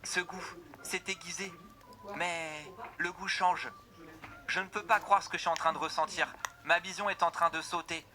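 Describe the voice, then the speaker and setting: A young woman game character, swept along by each strange potion, as a man reads her lines in his own voice. She describes every sensation dramatically in the first person, and the voice is fairly high and very bright and forceful. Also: fairly even intonation, normal speed, slight background noise. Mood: unsettled.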